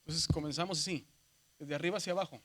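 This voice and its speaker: A man's voice: fairly high pitch, steady tone, quick pace, a bit bright, slight background noise. A man, teaching a seminary class on the Greek alphabet, patient and repetitive, calling his students brothers. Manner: patient, repeats "¿verdad?" and spells letters aloud. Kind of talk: classroom lesson.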